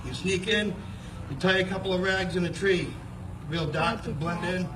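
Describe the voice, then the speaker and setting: A man's voice: high voice, moderate pace. A man telling a humorous, folksy hunting-style yarn at an outdoor fair, as in a moose call contest. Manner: folksy, second-person yarn-spinning. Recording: distant, echoey, noisy outdoor fair recording.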